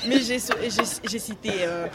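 A woman's voice: on the high side, measured pace. A teenage girl interviewed in the street, hesitant and searching for words. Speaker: high-school student interviewed in the street. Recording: street crowd noise behind.

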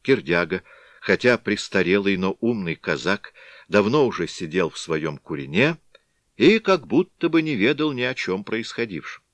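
A man narrating a classic story in a scripted, expressive storytelling manner. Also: lowish voice, normal speed, dry recording. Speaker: audiobook narrator.

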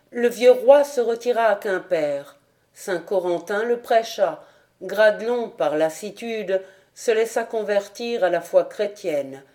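Warm-toned woman narrating a legend. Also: medium pitch. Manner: dramatic, expressive storytelling. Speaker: audiobook reader.

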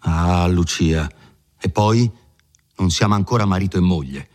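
A man's voice: low-pitched, a little slow, a little mellow. A man reading the part of a hot-tempered, desperate young village groom who speaks in vehement outbursts, in an audiobook of a classic novel. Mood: despairing.

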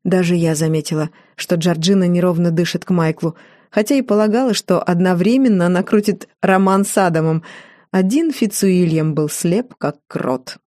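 A woman narrating a novel in the first person, even and measured. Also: lowish voice, dry recording, studio quality. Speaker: audiobook narrator.

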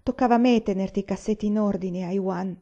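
A resolute young woman with a shy, mischievous streak, as a woman reads her aloud. She speaks slowly and gently in a mellow voice. The recording is somewhat dull. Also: mid-range voice, lightly acted. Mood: gentle.

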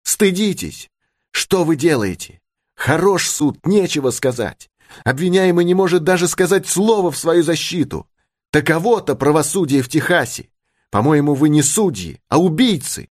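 Impassioned young woman, voiced by a man for an audiobook; pitched high, lively. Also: normal speed, dry recording, clean studio sound. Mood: indignant. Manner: impassioned, pleading. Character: young woman, spirited and indignant. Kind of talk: audiobook character reading.

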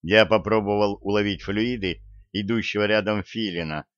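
A man reading a first-person audiobook in a wry, unhurried way. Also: on the low side, fairly bright tone, dry recording. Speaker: audiobook narrator. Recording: dull, dry recording.

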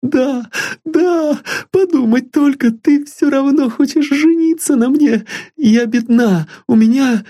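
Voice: sits high, slow pace, warm tone, pitched above the performer's own voice. A reader voicing a poor, tearful, loving young woman in an audiobook. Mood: tearful, eager. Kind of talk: audiobook reading.

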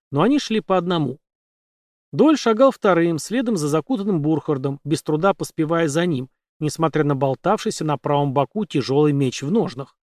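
A man reading a novel aloud in measured, even storytelling narration. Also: fairly high pitch, no room sound, studio quality. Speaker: audiobook narrator. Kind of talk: scripted narration.

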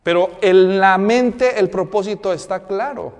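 A high-pitched man preaches at a church conference, chatty and quick with rhetorical questions. His voice rings through a big auditorium with a long reverb tail. He sounds like a pastor talking straight to the parents in the room. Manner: conversational, full of rhetorical questions and humorous anecdotes. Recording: long reverb of a large hall.

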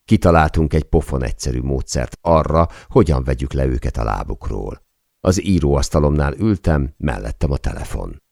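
A man reading a memoir aloud as an audiobook narrator, in steady storytelling delivery. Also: very deep voice, creaky, dry recording, studio quality. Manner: steady storytelling read, lightly voicing quoted speech.

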